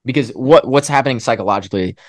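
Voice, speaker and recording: A man's voice: mid-range voice, fast talker, no echo, clean studio sound. A young man, a college runner, telling a story in a casual podcast interview, acting out his own self-talk. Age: young adult. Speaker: guest, college track runner. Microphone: podcast microphone.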